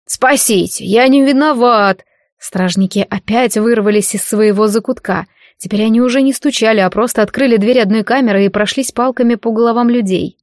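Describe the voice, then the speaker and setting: A woman narrating an audiobook in a steady storytelling manner on a close microphone. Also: fairly high pitch, fairly quick, hardly any pauses, dry recording. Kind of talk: scripted narration.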